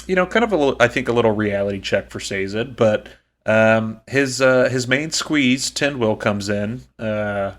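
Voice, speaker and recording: A man's voice: mid-range voice, lively intonation, moderate pace. A man co-hosting a podcast, recapping a book in a chatty, joking way with lots of ums. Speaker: podcast co-host. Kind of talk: casual book-recap chat.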